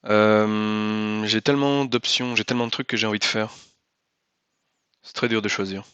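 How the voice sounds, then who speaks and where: A man's voice: on the low side, steady tone, moderate pace, fairly bright tone, smooth, no echo, dull audio. A man giving casual gameplay commentary, thinking aloud as he explains rules and moves and repeating himself for emphasis. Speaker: host and player of a cooperative card game.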